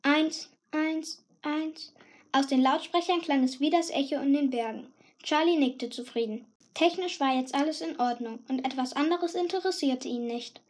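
A woman reading a first-person story aloud with a lively, cheeky teenage tone. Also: sits high, normal speed. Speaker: audiobook narrator. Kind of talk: scripted first-person narration.

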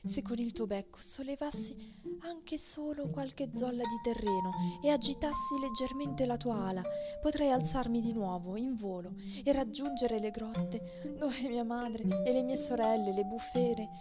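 A woman voicing a worn-out wind spirit in a storybook tale, speaking faintly in a breathy, near-whispered voice. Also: a little high, moderate pace, natural voice. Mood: weary. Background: soft music.

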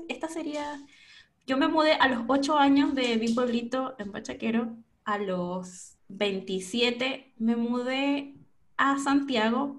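A young Venezuelan woman speaks with a Venezuelan Spanish accent, her voice sitting fairly high. She talks cheerfully in a relaxed podcast interview and laughs often. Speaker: podcast host and guest. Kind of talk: casual conversational interview.

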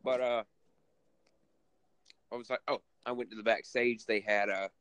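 A man's voice: on the low side, steady tone, normal speed, a bit bright, clean tone, no room sound. A man recapping a wrestling event in casual podcast chat, rambling and full of fillers. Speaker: co-host recapping a wrestling show.

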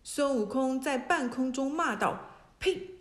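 Slow high-voiced woman storyteller. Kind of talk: storybook narration. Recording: echoey room.

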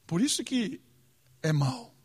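A man delivers an earnest sermon. He leans on rhetorical questions and moves between soft, searching phrases and pointed emphasis. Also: very high voice, very animated, takes it slowly, slightly rough. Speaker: preacher.

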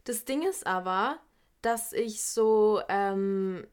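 A woman's voice: mid-range voice, slow, clear, resonant tone. A young woman in casual vlog chat, rambling and defensive with many fillers. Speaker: vlogger.

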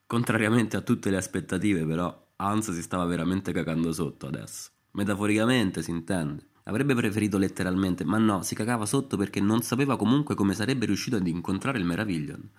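A male storyteller with a fairly low voice who narrates in a wry, deadpan way. His delivery is irreverent and unhurried. The lines come out in a dry, understated voice.

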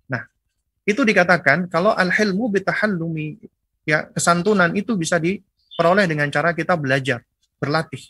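A man giving a religious lecture on parenting as an Islamic teacher, speaking in measured phrases that he often closes with a questioning tag. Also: on the high side, bright, forceful tone, husky, no echo. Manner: measured, tags phrases with frequent "ya".

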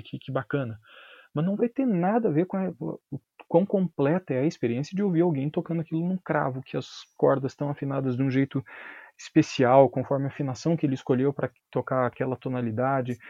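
A man with a Brazilian Portuguese accent, a violin teacher explaining ideas in a casual interview, animated and full of slang and tag questions. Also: mid-range voice, no room sound, dull audio.

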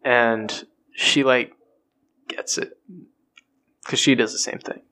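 In a casual chat with friends, a man speaks slowly at a medium pitch. He rambles in a relaxed way, packing in fillers and laughing at his own stories.

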